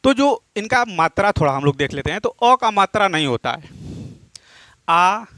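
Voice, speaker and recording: High-voiced male teacher, dry sound. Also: big pitch swings, pushed and bright, dry recording. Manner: asks questions and answers them himself, repeating key points; drops low and slows down on answers, counts aloud. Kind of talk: classroom grammar lesson.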